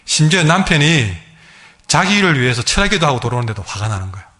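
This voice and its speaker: A male pastor with a Gyeongsang accent, preaching a sermon as a lively storyteller who acts out the people in his stories. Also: on the high side, quick pace. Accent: Gyeongsang Korean. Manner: lively storyteller, acting out quoted dialogue.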